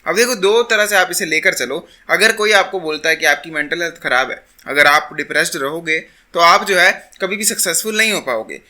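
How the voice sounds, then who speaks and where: A young man lectures his viewers in a high, bright, hard-hitting voice. He argues point by point and switches freely between Hindi and English. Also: lively intonation, fairly quick, few pauses. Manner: argumentative, mixes Hindi and English. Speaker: self-improvement YouTuber. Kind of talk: opinion monologue to camera.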